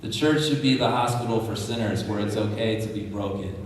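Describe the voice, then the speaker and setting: Man preaching in a booming echoey hall. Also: brisk, distant mic, crowd noise. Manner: earnest, plain-spoken preaching in short punchy sentences. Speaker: pastor. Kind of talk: sermon.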